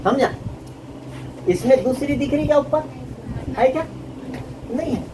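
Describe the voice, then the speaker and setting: A male math teacher with an extremely high-pitched voice gives a classroom lesson slowly and patiently, frequently asking the class questions. He is off-mic and distant, with traffic noise in the background.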